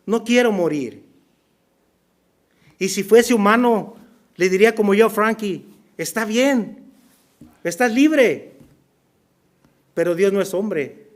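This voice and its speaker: High-voiced Spanish-speaking pastor storytelling. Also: male voice, takes it slowly, pauses often. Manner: storytelling, acts out dialogue, drops to near whisper for emphasis. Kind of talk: sermon. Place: church.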